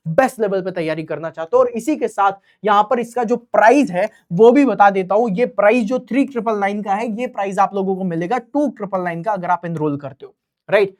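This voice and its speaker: Man, young adult, online exam-prep tutor, live class, chatty, keeps checking in with listeners. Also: sits high.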